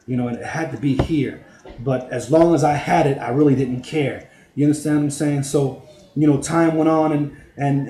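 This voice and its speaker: A man's voice: fairly high pitch, warm tone. A middle-aged man, a former prisoner, giving a casual personal testimony, full of "you know" and "man". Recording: roomy, echoey sound.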